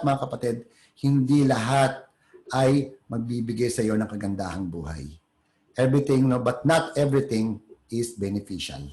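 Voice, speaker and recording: A man preaches a sermon in a casual, conversational way. He keeps checking in with rhetorical tags. His voice sits a little high and rings in a reverberant room. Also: darkish tone. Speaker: pastor.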